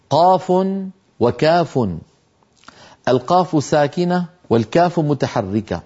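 A man gives a patient tajweed lesson, explaining how Quranic sounds are formed and slowly sounding out the example syllables. His voice is warm and mellow. The recording is a little dull and lo-fi. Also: fairly high pitch. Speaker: Quran recitation teacher.

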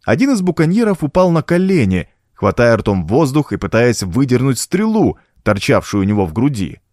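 A man's voice: mid-range voice, very animated, moderate pace, darkish tone, dry recording, studio quality. A man narrating an adventure audiobook with dramatic storytelling.

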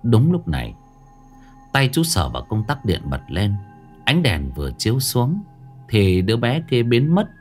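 A man's voice: mid-range voice, huge pitch swings, measured pace, soft background music. Male ghost story narrator.

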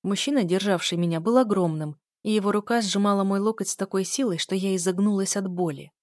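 A woman narrating a first-person story in a steady, scripted audiobook read. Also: mid-range voice, fast talker, no room sound, clean studio sound.

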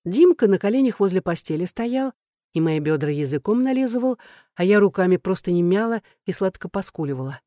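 A woman's voice: medium pitch, expressive, a little fast, mellow, no echo, studio quality. A woman narrating a first-person story in a frank, earthy storytelling manner. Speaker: audiobook narrator.

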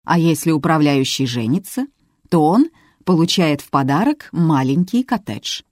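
A woman doing a composed lawyer who reports the terms of a will in a level, businesslike way. The voice stays low and close, in a dry storybook recording. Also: lively intonation, normal speed, a little mellow, no echo. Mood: matter-of-fact. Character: measured middle-aged male lawyer.

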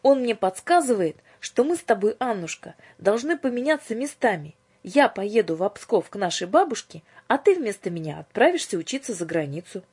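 A woman voicing a lively, impulsive teenage girl who talks in an excited, pleading way with a breathy voice. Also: medium pitch, moderate pace, hardly any pauses, voice pushed up.

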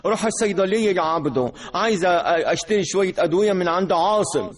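A man voicing a flustered, complaining Egyptian housewife with a shrill, rapid, indignant manner in a radio comedy sketch. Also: expressive. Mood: breezy. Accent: Egyptian Arabic.

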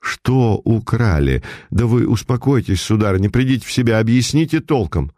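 A man voicing a calm police chief detective with dry humor, asking questions evenly. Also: fairly low pitch, normal speed, no room sound, natural voice.

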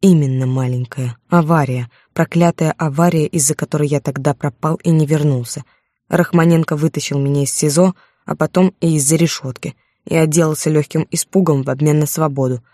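A woman reading the lines of a remorseful adult man, a quiet and blunt lover, in a curt, low voice. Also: steady tone, brisk, dry recording, studio quality.

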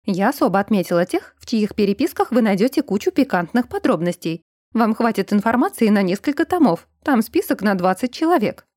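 A woman's voice: medium pitch, sing-song, fairly quick, a little mellow, no room sound. A bold young woman writer, read by a woman narrator. She speaks bluntly and matter-of-factly. The voice sits in a middle register and is recorded dry.

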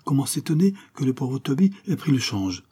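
A man voicing a keen, confident male detective who reasons briskly, lifting his voice above his narration. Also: mid-range voice, sing-song, warm tone, breathy edge, pitched above the performer's own voice. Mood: assured. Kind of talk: audiobook character reading.

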